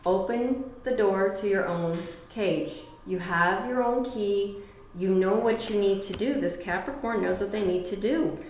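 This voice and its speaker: A woman's voice: medium pitch, measured pace, darkish tone, echoey room, a little hiss or hum, rough recording. A middle-aged woman giving a casual tarot reading, blunt and profane, with emphatic repetitions. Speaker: tarot reader.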